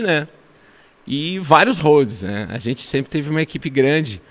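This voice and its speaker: A man, a musician guest telling road stories in a relaxed, laughing way. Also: medium pitch. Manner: relaxed storytelling, laughs often, frequent "né?". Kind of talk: casual interview chat.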